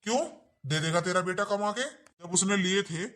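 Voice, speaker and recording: A woman's voice: lowish voice, fairly even intonation, normal speed, a bit bright, natural voice. A woman playing a grumbling, stingy elderly father-in-law who lectures in a family drama skit.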